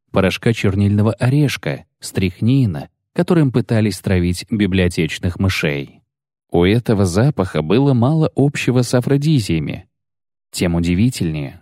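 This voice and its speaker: Male audiobook narrator, low voice, mellow dark tone, measured delivery, dry close sound. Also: no echo. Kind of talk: scripted narration.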